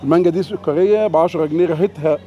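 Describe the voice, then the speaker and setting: An Egyptian man gives chatty market commentary at a very rapid pace. His voice sits a little high. The recording is muffled, with street noise behind him. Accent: Egyptian Arabic. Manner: chatty, repeats answers back to viewers. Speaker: vlogger touring a produce market. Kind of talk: casual on-location chat and price commentary. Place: outdoor produce market.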